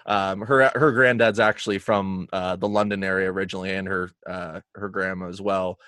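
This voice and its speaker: Young man, low and hesitant. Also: flat delivery, moderate pace, sharp tone, clear, resonant tone, no echo, studio quality. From Canada. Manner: hesitant, many fillers. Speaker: guest podcaster. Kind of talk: casual interview chat.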